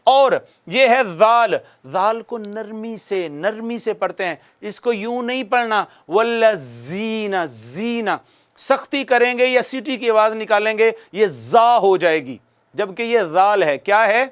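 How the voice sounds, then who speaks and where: A man teaching Quran recitation rules on television, explaining patiently, quizzing viewers and reciting words slowly for them to repeat. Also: high voice, fairly bright tone, clear, resonant tone. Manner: asks the audience questions and answers them himself. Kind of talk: televised tajweed lesson.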